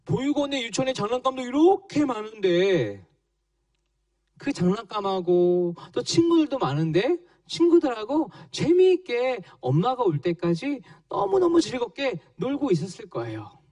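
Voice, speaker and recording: A man, a children's pastor, telling a Bible story in a slow, animated way to young children. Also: extremely high pitch, no room sound, distant mic. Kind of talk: children's sermon.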